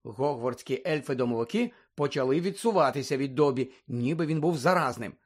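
A man narrating a children's fantasy novel as an audiobook, in a steady storytelling delivery. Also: mid-range voice, a little fast, breathy edge. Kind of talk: scripted narration.

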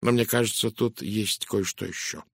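A man reading an audiobook, voicing a calm, soft-spoken foreign detective who speaks slowly and quietly. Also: fairly low pitch, gravelly, no echo, studio quality. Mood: measured. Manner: quiet, slow, measured.

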